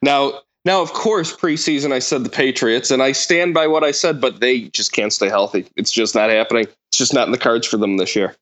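A man's voice: medium pitch, fairly quick, hardly any pauses, fairly bright tone. A man co-hosting a sports podcast on a mic, bantering wryly and casually. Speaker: podcast co-host.

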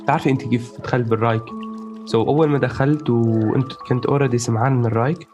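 A man's voice: medium pitch, steady tone, very fast, over music. A man with a Levantine Arabic accent chatting casually about personal experience, explaining things as he goes, checking in with the listener and dropping in English words.

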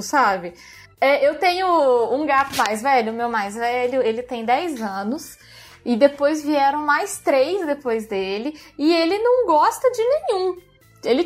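A Brazilian woman hosting a pet podcast, explaining cat behavior in a casual, friendly way. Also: high-pitched. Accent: Brazilian Portuguese. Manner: explanatory, friendly, restarts phrases. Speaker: podcast host, pet expert.

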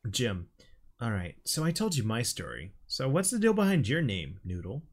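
A man voicing a young man trekking through snow, reading in a flat, low voice, cold and tired. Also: moderate pace, breathy edge, heavily acted. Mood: curious.

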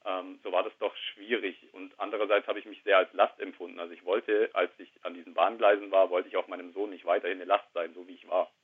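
Husky-voiced man on a tinny line. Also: low-pitched, little pitch movement, fast, hardly any pauses. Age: 30s. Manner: quiet, reflective, hesitant. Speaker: guest. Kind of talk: candid personal conversation. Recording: tinny phone-line sound.

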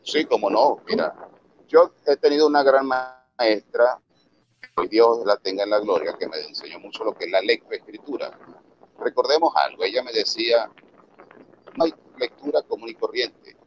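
A Venezuelan radio announcer with a Valera accent explains his craft in a low voice, earnest and instructive, restarting phrases as he goes. He comes through a dull, lo-fi video call with a faint hiss underneath. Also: animated, moderate pace. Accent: Venezuelan Andean, Valera. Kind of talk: remote interview answers.

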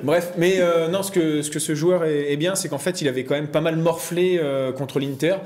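A man's voice: a little high, fairly even intonation, moderate pace, darkish tone, reverberant. A man on a football panel, chatty and joking, laughing often. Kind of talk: casual panel chat.

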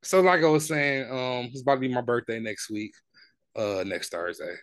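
A man's voice: medium pitch, normal speed, clean tone, no room sound. Laid-back slangy man in his twenties. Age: 20s. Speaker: podcast co-host. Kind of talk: casual chat.

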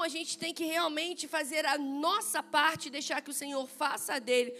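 High, bright-voiced woman preaching. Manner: lively, playful, acts out dialogue, laughs often. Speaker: pastor. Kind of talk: sermon with personal storytelling. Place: church service.

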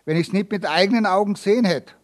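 A man's voice: high voice, fast, pitched above the performer's own voice, close to an everyday voice. An earnest, humble villager testifies anxiously, protesting eagerly. A man reading a story aloud plays him in a raised, slightly flustered voice. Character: timid, earnest male villager neighbour.

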